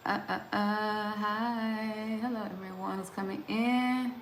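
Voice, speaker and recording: Slowly and in a level tone, a middle-aged livestream host chats casually and responds to viewer comments as she reads them, frequently laughing and starting sentences over. Her medium-pitched voice carries a slight hiss or hum, with roomy echo and faint ambient sound in the background.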